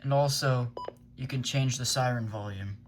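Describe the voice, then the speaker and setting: A man with a mid-range voice speaks at normal speed in an unscripted product review. He's a weather radio hobbyist reviewing gear, thinking aloud in a loose, hesitant way.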